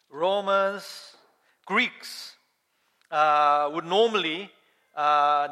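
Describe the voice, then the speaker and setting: A man preaching a sermon as pastor, emphatic and animated, asking his listeners questions as he explains scripture. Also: on the high side. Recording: long hall reverb.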